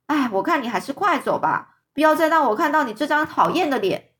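A vain, cruel boy of about ten, all scorn and contempt, as a woman reader puts him on. The voice is high and sharp with disdain, a storybook child turned heartless. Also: animated, moderate pace, natural voice. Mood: scornful.

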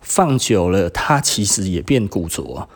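Husky chatty Taiwanese-accented man. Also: lowish voice, moderate pace. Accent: Taiwanese Mandarin. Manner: chatty, laughs often, quotes others in lively bursts. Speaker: vintage clothing shop owner, podcast host. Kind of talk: casual podcast talk.

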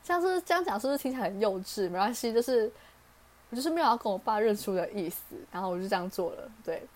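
Fast-talking young Taiwanese woman storyteller. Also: medium pitch, lively intonation. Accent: Taiwanese Mandarin. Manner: chatty, acts out quoted dialogue. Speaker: podcast host. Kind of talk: casual storytelling.

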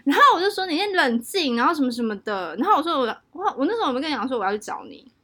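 给我一个说话夸张、音调很高的台湾腔女生. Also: female voice, high voice, rapid-fire. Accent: Taiwanese Mandarin. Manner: animated, exaggerated storytelling with frequent laughter. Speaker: podcast co-host. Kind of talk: casual chat. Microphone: home test recording.

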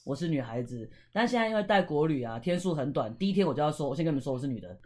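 A woman's voice: deep voice, animated, very fast, crowd noise. A woman chats as a guest. She is playful and self-mocking, and her stories are broken up by laughter. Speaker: guest tour leader. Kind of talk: casual studio chat.

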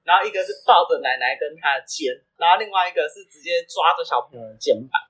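A woman's voice: fairly low pitch, fast, slightly rough, poor audio. A woman, a mother and podcast co-host, telling a story in casual chat and acting out the scenes. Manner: animated storyteller, acts out scenes.

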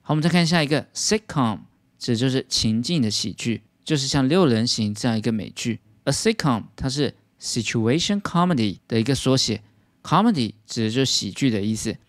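A man's voice: mid-range voice, expressive, brisk, dry recording, studio quality. A man teaching English vocabulary as a patient lesson, explaining words step by step.

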